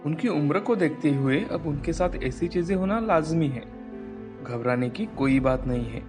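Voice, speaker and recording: A man voicing a calm doctor who reassures a worried family in a cartoon story. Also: on the high side, moderate pace, over music, lightly acted. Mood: reassuring.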